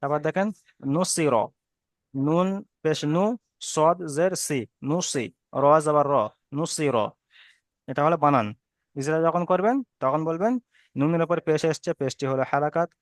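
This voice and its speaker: Fast-talking patient male reading teacher. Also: medium pitch, smooth, dry recording, clean studio sound. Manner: patient, repeats rules slowly. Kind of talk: online Arabic reading lesson. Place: online class. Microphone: video call.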